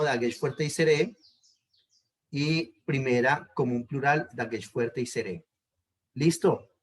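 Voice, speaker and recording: A male teacher walks his class through a lesson step by step. He speaks at an ordinary middle pitch, repeats each point patiently and pauses to check that everyone is following.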